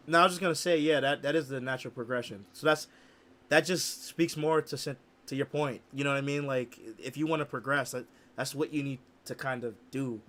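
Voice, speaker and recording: A young man in his mid twenties hosts a laid-back chat over a video call. He sounds easygoing and agreeable and stumbles over repeated words. His pitch is in an ordinary middle range. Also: steady tone, brisk, fairly bright tone. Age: mid 20s. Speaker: host. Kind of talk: casual live-stream chat.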